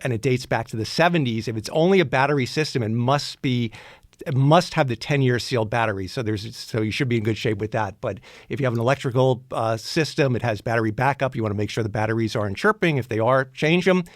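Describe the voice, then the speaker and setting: A man's voice: mid-range voice, fast talker, dry recording. A man co-hosting a radio show, giving practical home maintenance advice in a casual way, often restarting his sentences. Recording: dry studio sound.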